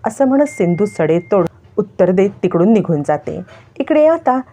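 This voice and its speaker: A woman's voice: medium pitch, sing-song, moderate pace, mellow, a little hiss or hum. A woman retelling the scenes of a television serial as a story, voicing the characters' lines along the way. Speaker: narrator.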